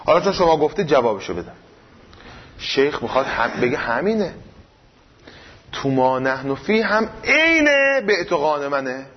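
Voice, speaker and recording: A man's voice: a little high, big pitch swings, long pauses, lo-fi sound, a little hiss or hum. A man teaching a seminary class on jurisprudence, explaining points with rhetorical questions.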